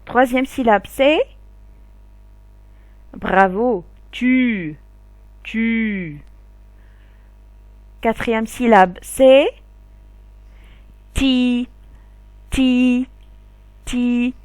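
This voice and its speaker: Woman teacher, slow sing-song phonics drills, higher voice, dry room. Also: no room sound. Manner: repeats each syllable slowly and loudly, stressing sounds. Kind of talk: slow, drawn-out phonics lesson for children.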